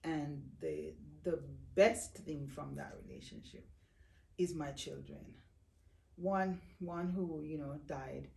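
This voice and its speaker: A woman guest slowly and reflectively telling her life story in an interview, often speaking of her faith. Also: sits low, fairly even intonation, gravelly, mellow, far from the mic. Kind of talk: personal testimony interview. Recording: roomy echo, voice off-mic.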